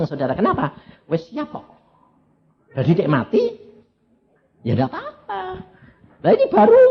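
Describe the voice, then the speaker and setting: An elderly man with a Javanese accent, preaching a sermon through humorous personal stories, often turning to address his listeners. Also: fairly high pitch. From Central Java, Indonesia. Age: elderly, around 80. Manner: anecdotal, humorous, addresses audience as "saudara". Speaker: evangelist preacher. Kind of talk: storytelling sermon. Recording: dull lo-fi sermon recording.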